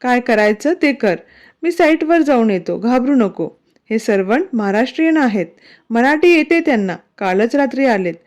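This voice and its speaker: A woman's voice: on the high side, lively intonation, normal speed, darkish tone, close to an everyday voice. Woman doing a teasing, protective young husband. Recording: dull, lo-fi recording.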